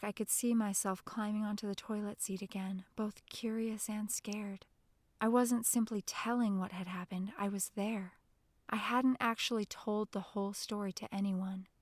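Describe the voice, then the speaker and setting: A woman narrating an audiobook in the first person with a hushed, tense, intimate delivery. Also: mid-range voice, dry recording.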